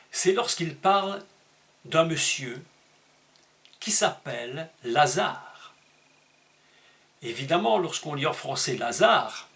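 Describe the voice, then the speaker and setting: A man preaching a sermon, emphatic and teaching, asking rhetorical questions and leaping up in pitch on key words. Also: a bit bright. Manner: emphatic teaching tone with dramatic pitch leaps and slowed stressed words.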